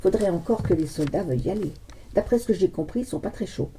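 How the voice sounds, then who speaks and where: A woman's voice: fairly low pitch, animated, quick pace, background noise. A woman tarot card reader chatting casually, rambling with many restarts and joking asides. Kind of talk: casual chat.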